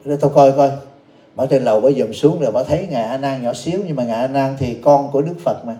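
Dark-voiced monk storyteller. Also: male voice, mid-range voice, fast, echoey room. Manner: lively storytelling, acts out the characters. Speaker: Buddhist monk teacher. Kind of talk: storytelling dharma talk.

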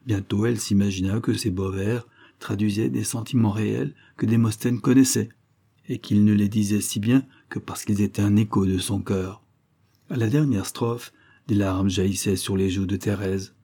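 A man narrates a classic short story in a measured, even reading. His voice sits low and sounds dark and husky, unhurried and steady. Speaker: audiobook reader. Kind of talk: literary narration.

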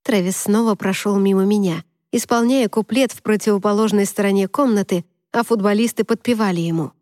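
A woman narrating a novel in the first person, in an even, measured storytelling voice. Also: mid-range voice, no room sound, studio quality. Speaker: audiobook narrator.

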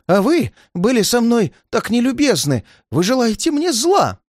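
Old man, terrified and paranoid, high and shaky, always near tears; a male reader puts him on. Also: huge pitch swings, measured pace, darkish tone, dry recording, studio quality, heavily acted. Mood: frantic, fearful. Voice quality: shrill, shaky, pleading. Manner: frantic outbursts, near tears. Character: frightened paranoid old man, shrill and tearful.

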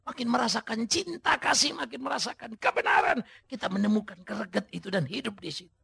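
A male preacher delivering a sermon in a high, sharply bright voice with heavy gravel running through it. He swings his pitch widely and breaks into sudden shouted emphases, speaking straight to his congregation. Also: fairly quick. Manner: addresses the congregation directly. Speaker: pastor.

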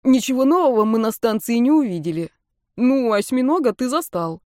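A woman's voice: on the high side, expressive, moderate pace, warm tone, no room sound, studio quality, voice pushed up, lightly acted. A woman reading an audiobook, voicing an injured young man on a med pod who whines and complains. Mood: whiny. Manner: whining, complaining.

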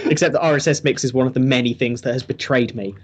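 A man's voice: medium pitch, breathy edge. A man co-hosting a podcast in casual chat, with wry, self-deprecating humor. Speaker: podcast co-host.

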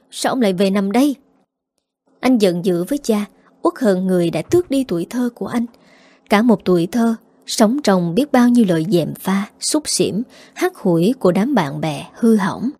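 A woman narrating a dramatic life story in a steady, emotive reading style. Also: medium pitch, husky, no echo.

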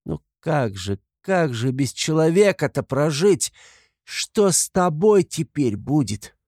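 A man's voice: on the high side, very animated, takes it slowly, a little mellow, no echo, studio quality, pitched above the performer's own voice, exaggerated voice. Man voicing a pleading desperate young woman. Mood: anguished. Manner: impassioned, pleading, exclaiming.

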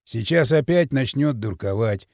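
A man reading an audiobook, voicing a crude, lazy young ruffian in a lower, drawling voice. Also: big pitch swings, measured pace, creaky, mellow, no room sound, clean studio sound, exaggerated voice. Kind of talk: audiobook character voice.

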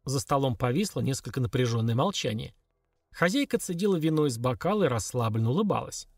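A man reading a novel aloud in an expressive storytelling manner. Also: mid-range voice, fast, dry recording, studio quality. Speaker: audiobook reader. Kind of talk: scripted narration.

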